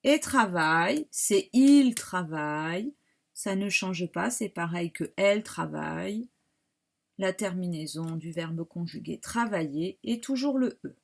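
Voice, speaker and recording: A woman teacher with a French accent giving a slow, careful dictation lesson to young pupils, spelling words out. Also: fairly low pitch, expressive, gravelly. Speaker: primary school teacher.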